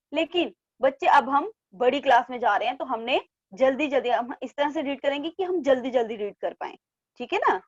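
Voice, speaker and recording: A woman teacher giving an online class to young children, drawing out syllables slowly and repeating each word twice for them to copy. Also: high-pitched, no echo, lo-fi sound. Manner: coaxing, repeats words in pairs. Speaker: primary school teacher. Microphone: online class from home.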